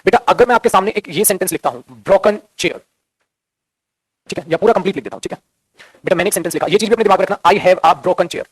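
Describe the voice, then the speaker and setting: A man's voice: sits high, rapid-fire, slightly rough, no room sound. A man teaching English grammar to students in Hindi, calling them "beta", repeating key phrases and answering his own questions. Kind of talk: classroom grammar lesson in Hindi.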